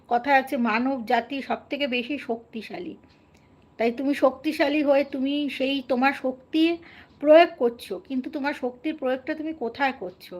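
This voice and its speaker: A woman from West Bengal chatting casually and earnestly with viewers on a live stream, often asking them questions. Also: sits high.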